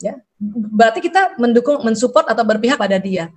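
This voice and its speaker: A middle-aged woman lectures on parenting in a fairly high voice. She keeps asking her audience questions, tags her points with a quick "ya", and slips into short acted-out lines of parents and children. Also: lively intonation, darkish tone. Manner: rhetorical questions, frequent "ya". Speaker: parenting seminar speaker.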